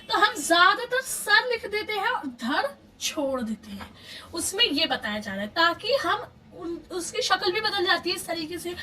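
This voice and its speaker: A woman teaching a Quran reading lesson step by step, patiently repeating terms and slowing down on key phrases. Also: very high voice, pushed and bright, far from the mic, slight background noise, rough recording. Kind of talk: online lesson, explaining step by step.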